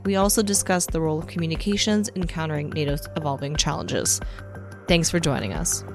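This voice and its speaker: A woman hosting a podcast, moving from a polished, formal introduction to relaxed conversational questions. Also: sits low, fairly quick, music in the background. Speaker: podcast host. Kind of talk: scripted intro and interview questions.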